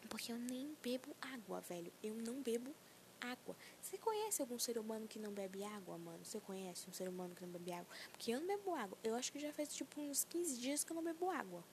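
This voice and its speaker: A woman's voice: on the high side, animated, fast, a little hiss or hum. A young woman of nineteen hosting a solo podcast, ranting in a self-mocking, profane and rambling way, anxious. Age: young adult. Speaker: podcast host.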